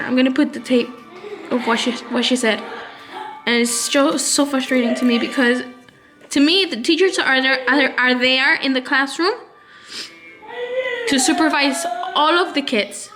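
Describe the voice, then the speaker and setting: A mother talking in a personal vlog, holding back tears, halting and frustrated, with many restarts. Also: high voice, a bit bright. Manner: halting, hesitant, full of restarts; frustrated and upset. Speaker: mother vlogger.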